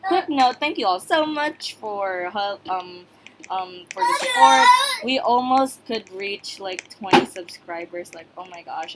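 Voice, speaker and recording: A woman hosting her own gaming channel, rambling through casual gameplay commentary with many fillers and restarts while chatting straight to her viewers. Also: medium pitch. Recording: clear background noise with clicks.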